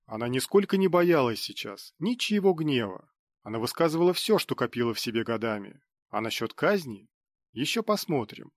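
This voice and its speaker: A man narrating a fantasy audiobook in a steady, even reading. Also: medium pitch, no echo, studio quality. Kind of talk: scripted narration.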